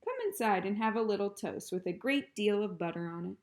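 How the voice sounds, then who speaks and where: A woman's voice: mid-range voice, animated, a little fast, darkish tone, close to an everyday voice. A woman voicing a cheerful, doting housewife who speaks in a sweet, chirpy way in a storybook read-aloud.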